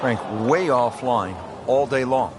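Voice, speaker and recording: A man doing golf play-by-play in a measured, understated broadcast commentator manner. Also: medium pitch, background noise, close to an everyday voice.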